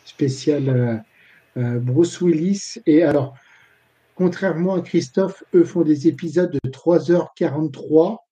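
A man's voice: a little high, measured pace, dark tone, slightly rough, low-quality recording. A man co-hosting a casual football talk show, rambling with fillers and dry jokes. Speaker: football podcast co-host.

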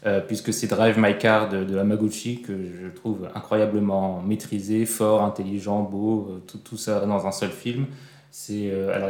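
A man's voice: on the low side, a little mellow. A man hosting a casual film discussion, talking with frequent fillers and restarts. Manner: hesitant, with many fillers and restarts. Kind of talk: casual film review chat. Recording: roomy echo.

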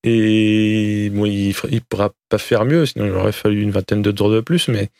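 Man, creaky voice, casual motorsport commentator, slangy, joking, dry close sound. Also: lowish voice, steady tone, normal speed, a little mellow, no echo. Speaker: motorsport podcast host recapping a race.

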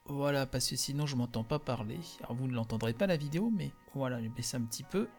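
A man's voice: medium pitch, quick pace, darkish tone, faint music behind. A man hosting, chatting loosely with many fillers as he comments a live game showcase.

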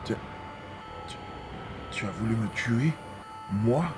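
An actor playing an aging chancellor who stammers and panics. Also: male voice, on the low side, expressive, slow pace, music in the background. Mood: stunned. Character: aging chancellor, terrified and pleading.

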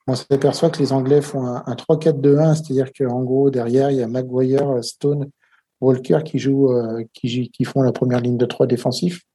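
A man's voice: mid-range voice, little pitch movement, moderate pace, warm tone, breathy edge. A man giving casual football match commentary and tactical analysis, talking hesitantly with many filler sounds.

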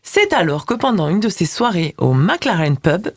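A woman columnist on a radio show, recapping a TV series with lively quips. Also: fairly low pitch, normal speed, no echo, studio quality.

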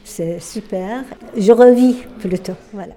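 A woman in her sixties, from Iran, introducing herself as an apprentice reporter in an unhurried way, pausing often with fillers. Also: mid-range voice, dark tone. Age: 60s. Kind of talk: self-introduction.

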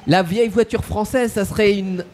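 A woman voicing a solemn middle-aged male police inspector who speaks slowly and gravely during a live mystery game. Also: high voice, steady tone, darkish tone, close to an everyday voice.

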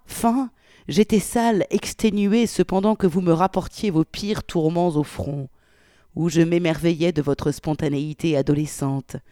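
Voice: medium pitch, warm tone, no room sound, studio quality, close to an everyday voice. A reader voicing a prudish, pious widowed wartime godmother, reading her ornate, old-fashioned letter with swells of indignation.

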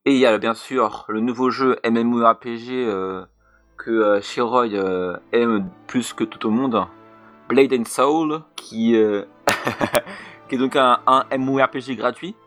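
A man's voice: mid-range voice, measured pace, a bit bright, soft background music. A young man co-hosting a casual gaming podcast, laid-back and hesitant, stumbling through his descriptions with fillers. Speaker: podcast co-host.

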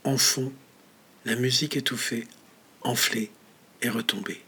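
A man narrating a story in a measured manner, often dropping to a whisper. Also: medium pitch, steady tone, sharp tone, slightly rough. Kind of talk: audiobook story reading.

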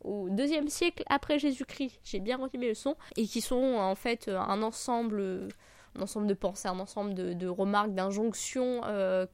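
A woman hosting an informal book podcast, sick, with a slightly broken, gravelly voice and a hesitant, self-deprecating way of talking. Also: medium pitch, moderate pace, darkish tone, dry recording. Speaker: podcast host. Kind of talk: informal book review podcast, unscripted talk.

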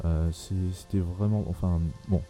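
Hesitant low-voiced man with dark tone. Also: steady tone, moderate pace, soft background music. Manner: hesitant, many fillers and restarts. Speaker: podcast host. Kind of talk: casual film discussion.

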